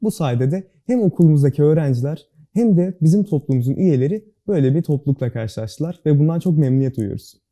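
Appearing as a guest, a young student club board member answers interview questions earnestly and briskly, his voice very dark and mellow yet on the high side with lively intonation. Careful, precise diction and a consistently formal, serious manner mark his delivery.

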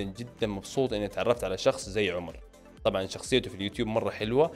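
Fairly low in pitch, the voice belongs to a late-twenties Saudi man with a Hejazi accent who runs a film and series YouTube channel. In a small home studio, close to a stand-mounted microphone, he chats informally and conversationally, reading viewer questions aloud and answering them while addressing viewers directly.

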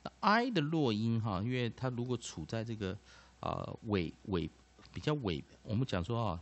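A low-pitched man works through an English pronunciation lesson. His voice is gravelly and his pitch swings widely. He scatters filler particles through every sentence and repeats each point. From Taiwan. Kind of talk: explanatory lesson.

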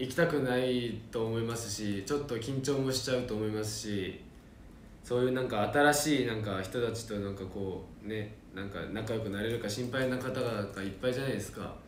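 A man's voice: mid-range voice, normal speed, roomy sound, a little hiss or hum. Young man chatting casually on a livestream. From Japan. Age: young adult. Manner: relaxed, reads comments aloud and answers them playfully. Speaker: idol reading fan comments on a livestream.

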